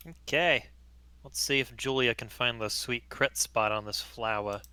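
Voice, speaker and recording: Bright, crisp male tabletop player. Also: mid-range voice, measured pace, no room sound. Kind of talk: casual game chat.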